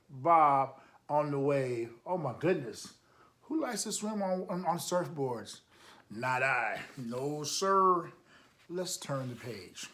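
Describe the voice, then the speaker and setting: At an unhurried pace, a storytime reader and coach with a slightly high, a bit bright voice reads a picture book to young listeners. He's encouraging and emphatic, stepping outside the story to add remarks and ask them questions.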